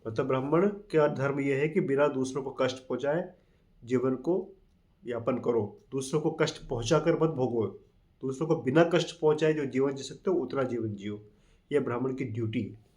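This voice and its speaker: A man hosting a talk, reading scripture verses aloud slowly and then explaining them in plain with mixed in. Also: medium pitch, darkish tone. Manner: reads quotes slowly, then explains in plain Hindi with English words. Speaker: channel host explaining a scripture.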